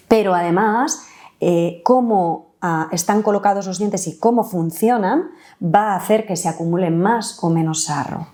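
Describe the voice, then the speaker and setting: Lowish-voiced woman dentist explaining. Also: dark tone. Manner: explanatory, many fillers and tag questions. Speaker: holistic dentist, guest. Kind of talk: conversational interview explanation.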